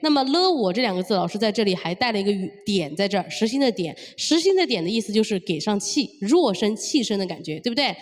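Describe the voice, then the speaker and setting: At the piano, a woman singing teacher walks through vocal technique point by point, checking in with rhetorical questions. She speaks fast with hardly any pauses, in a medium-pitched voice with wide pitch swings. The recording has a long reverb, with piano music playing behind her.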